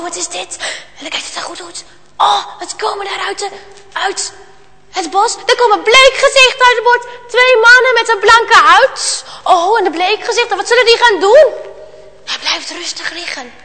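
A woman with a very high, bright voice tells a children's story. She swings from loud exclamations to hushed passages. Her voice rings out in a hall with a long reverb.

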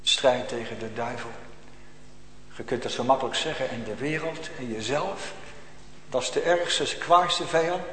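A man preaching a sermon, swinging between loud emphatic calls and quiet, almost whispered asides. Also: mid-range voice, normal speed, a little hiss or hum. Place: church. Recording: echoey church hall.

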